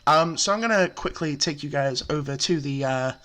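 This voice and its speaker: A man's voice: on the high side, moderate pace, a bit bright. A man casually walking through a card game deck, chatty and full of fillers, explaining step by step. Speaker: deck profile presenter.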